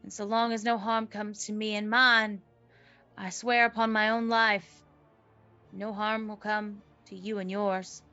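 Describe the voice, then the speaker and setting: A woman playing an earnest forest protector in a tabletop game, speaking in formal, measured, oath-like phrases. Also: medium pitch, flat delivery, sharp tone, lo-fi sound, faint music behind. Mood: solemn vow. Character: solemn, earnest forest protector pleading for peace. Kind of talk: tabletop game role-play.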